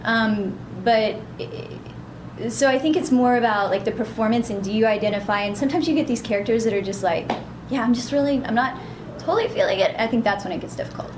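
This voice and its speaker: Chatting casually in an interview, a voice actress speaks briskly in a high-leaning, youthful voice with a cheerful, bubbly manner. Background noise and echo fill the room.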